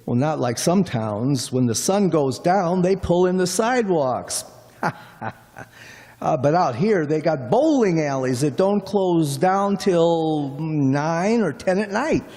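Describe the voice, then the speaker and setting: Radio play: man as middle-aged small-talking cab driver, folksy drawl, slightly high voice. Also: expressive, slow pace, mellow. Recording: long hall reverb.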